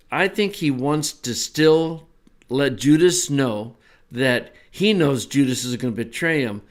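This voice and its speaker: A man teaching a Bible lesson in a relaxed, conversational way, with small asides as he explains. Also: medium pitch.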